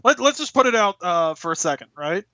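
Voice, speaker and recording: Male co-host, casual banter, high pitch, bright edgy tone, repeats words for emphasis. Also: big pitch swings, fairly quick, highs cut off. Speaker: podcast co-host.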